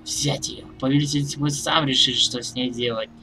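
A man voicing a cold, menacing undead villain in dark-lord manner for a game story. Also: mid-range voice, steady tone, moderate pace, slight background noise, rough recording. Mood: cold menace.

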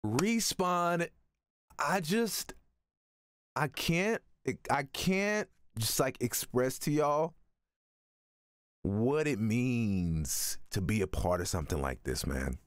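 A man's voice: mid-range voice, very animated, slow pace, no room sound, clean studio sound. A young man reacting live on stream, exuberant and slangy, often repeating himself. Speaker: streamer and voice actor reacting to video. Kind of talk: excited live reaction commentary. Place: small home studio room, indoors.

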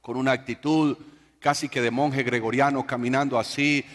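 A man's voice: medium pitch, fairly even intonation, normal speed, a bit bright, long reverb tail. A man preaching a sermon, telling stories and joking with the congregation. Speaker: pastor.

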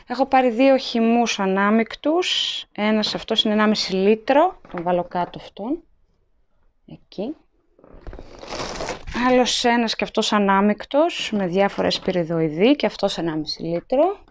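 A woman's voice: mid-range voice, expressive, a little hiss or hum. A woman chatting casually as she shows her supermarket shopping to a handheld camera at home, listing items and weights. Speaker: vlogger. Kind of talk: casual haul vlog narration. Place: indoors at home, at a table. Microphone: handheld phone camera, filming items up close.

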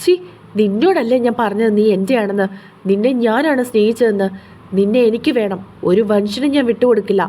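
A woman's voice: on the high side, fairly quick, mellow, natural voice. A woman reading the lines of an obsessive young man who pleads and turns menacing. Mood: furious. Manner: pleading, possessive, then menacing.

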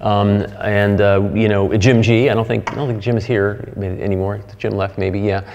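A middle-aged man giving a conference keynote, halting and full of fillers and restarts. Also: lowish voice, little pitch movement, gravelly, a little mellow, muffled recording. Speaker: keynote speaker. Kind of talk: conference talk. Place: lecture hall. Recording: hall reverb.

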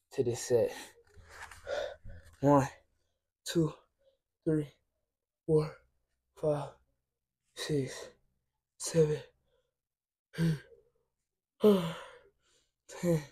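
A man's voice: fairly high pitch, extremely slow, pauses often. A man filming a casual workout vlog in a gym, tired from lifting and chatting straight to his viewers. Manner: relaxed, chatty, addresses viewers directly. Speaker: fitness vlogger.

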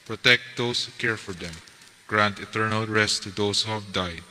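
A man reading prayers and parish announcements at Mass in a measured, steady voice, recorded at a lectern microphone in a large church. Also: on the low side. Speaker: lector and commentator at Mass. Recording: church hall reverb.

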